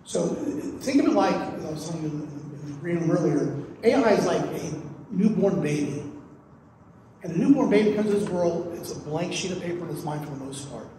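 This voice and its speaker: High-voiced man explaining on a panel. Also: lively intonation, fairly quick, dark tone, slight background noise. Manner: explanatory, repeats words when searching. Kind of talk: conference panel discussion. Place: conference room. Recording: echoey conference hall.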